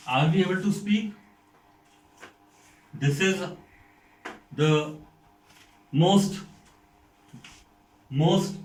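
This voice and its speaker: Echoey Indian man lecturing a class. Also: fairly high pitch. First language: Hindi. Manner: deliberate, repeats points and asks rhetorical questions. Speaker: school principal. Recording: echoey room, mic far off.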